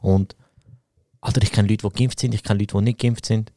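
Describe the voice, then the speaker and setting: A man's voice: lowish voice, steady tone, normal speed, warm tone, no room sound, studio quality. A young man with a Swiss German accent, co-hosting a podcast in casual chat and ranting heatedly in slang. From Switzerland. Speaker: podcast co-host.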